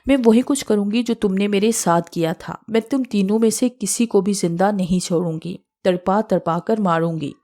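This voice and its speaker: A woman's voice: medium pitch, hardly any pauses, warm tone, close to an everyday voice. A woman voicing the vengeful ghost of a young woman in an audiobook horror story, read dramatically.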